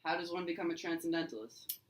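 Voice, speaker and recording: A man's voice: fairly high pitch, fast talker, poor audio. A young man hosting a mock interview in an amateur school skit, asking questions with hesitant uhs.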